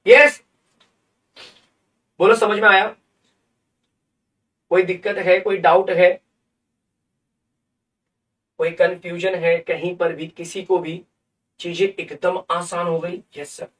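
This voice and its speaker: Speaking at a measured pace with long pauses, this man's high-pitched, slightly bright voice carries a playful, chatty live online chemistry lesson in which he refers to his students as kids. A livestream desk mic gives it a distant, somewhat echoey quality.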